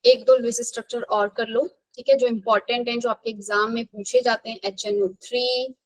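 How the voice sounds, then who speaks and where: High-voiced woman teaching chemistry. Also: fairly even intonation, low-quality recording. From India. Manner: brisk, questioning students, counting aloud. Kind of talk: live classroom revision lesson.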